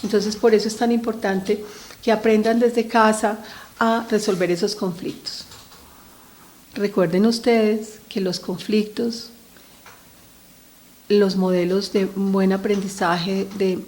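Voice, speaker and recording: An earnest middle-aged woman speaks straight to parents at a medium pitch. She talks about raising children with steady conviction and keeps drawing her listeners in with little questions. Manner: earnest, speaks directly to parents, frequent "¿cierto?" tag questions. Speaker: speaker on family mental health. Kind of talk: talk addressed to parents.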